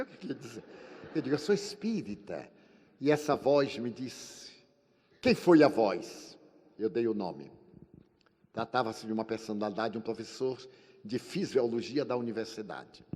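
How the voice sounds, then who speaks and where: An older Brazilian man lectures to a congress audience and tells his story dramatically, jumping between loud bursts and hushed near-whispers as he voices each person. His mid-range voice rings with a long reverb in a large hall. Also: breathy edge. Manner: animated storyteller, acting out dialogue with shifting pitch and volume. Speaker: spiritist speaker.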